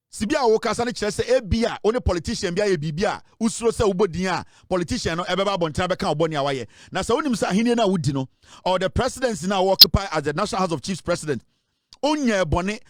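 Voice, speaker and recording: A man's voice: high-pitched, fairly bright tone, dry recording, studio quality. A Ghanaian man giving impassioned political commentary, lecturing emphatically and switching between English and Twi.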